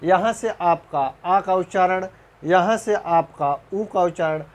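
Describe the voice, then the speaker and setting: A man teaching a recorded exam-prep grammar lecture, repeating points slowly, often clearing his throat, and checking whether students understood. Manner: slow, repetitive, checks understanding with rhetorical questions; voice drops low at the end of answers. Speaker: Hindi teacher.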